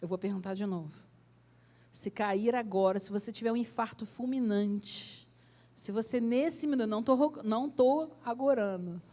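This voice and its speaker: A woman pastor with a Brazilian accent preaching a sermon in a church, asking direct questions and swelling loud then dropping soft. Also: a little high, normal speed. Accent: Brazilian Portuguese.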